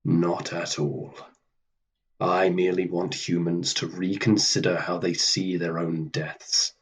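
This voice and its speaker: Male actor as Death, husky low voice, unhurried, stern, formal, dismissive, radio drama. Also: little pitch movement, exaggerated voice. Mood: detached, grave. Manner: deliberate, formal, cold, dismissive. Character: Death, stern, weary, aloof immortal being, male. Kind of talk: radio play acting.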